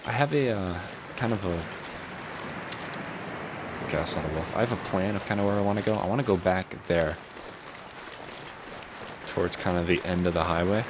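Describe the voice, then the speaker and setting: Low, unhurried man with a morning voice. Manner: low, unhurried, musing to himself. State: morning voice, recently woken. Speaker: gaming channel host. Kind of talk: calm video game playthrough commentary. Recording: clear steady background ambience noise.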